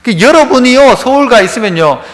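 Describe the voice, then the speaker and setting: A man's voice: extremely high pitch, expressive, fairly quick, fairly bright tone, big-room sound. A man with a Gyeongsang Korean accent, a pastor preaching a sermon in a church, who acts out everyday dialogues in a casual voice. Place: church sanctuary.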